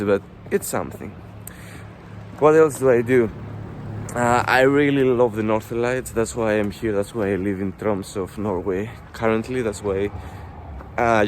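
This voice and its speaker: A Greek vlogger in his twenties, speaking with a Greek accent, chats casually while walking along a snowy street, rambling and using fillers. His voice sits on the low side, with slight background noise.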